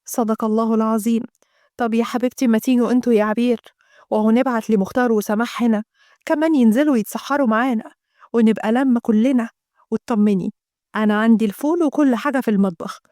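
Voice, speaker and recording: A kind, devout older mother-in-law with an Egyptian accent, played by a woman. She talks in a gentle, motherly way, fairly quickly, in a dry close recording. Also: a little high, dry recording, lightly acted. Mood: tender. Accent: Egyptian Arabic.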